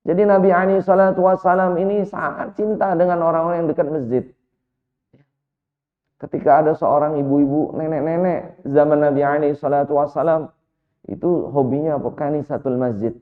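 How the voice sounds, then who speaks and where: Man, preacher, lively sermon, fairly high voice, long hall echo, tinny sound. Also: brisk. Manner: lively storytelling with repeated direct address to the listeners. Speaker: Islamic preacher. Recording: echoey hall over a tinny line.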